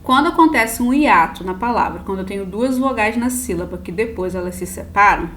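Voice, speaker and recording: A woman's voice: mid-range voice, animated, a little fast, a bit bright, a little hiss or hum. A woman teacher with a Brazilian Portuguese accent gives a recorded lesson, patiently spelling out word endings one at a time. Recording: roomy echo.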